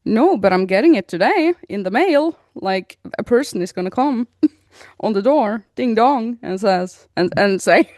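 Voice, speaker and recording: This thirty-something podcast co-host keeps things casual, laughing frequently as she reads out comments from listeners. Her medium-pitched voice is animated and a little mellow at a measured pace, recorded cleanly in a studio with no room sound.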